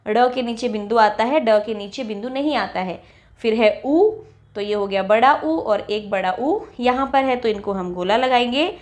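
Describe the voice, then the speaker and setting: A woman teacher walking young children through a textbook lesson, reading each example word slowly and clearly. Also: on the high side. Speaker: primary school teacher.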